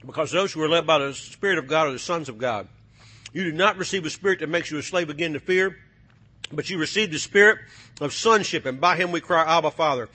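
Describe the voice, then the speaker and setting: A man preaching a sermon, swinging from low, quiet passages to shouted, fiery calls to the congregation. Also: fairly quick, husky.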